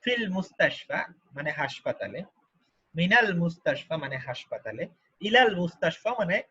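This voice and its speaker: A man teaching Arabic grammar in a lesson, who patiently repeats each form slowly and asks the learners questions. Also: on the high side, very animated, sharp tone, slightly rough, muffled recording. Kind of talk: online grammar lesson explained in Bengali.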